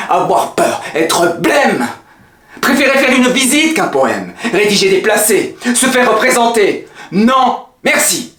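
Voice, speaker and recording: A proud male poet-swordsman, declaims scornful verse in grand, hammy theatrical style. His delivery is slow and deliberate, with big swings in force. The room rings with echo around him. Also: medium pitch, fairly bright tone. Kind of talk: theatrical French verse monologue. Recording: echoey, roomy sound.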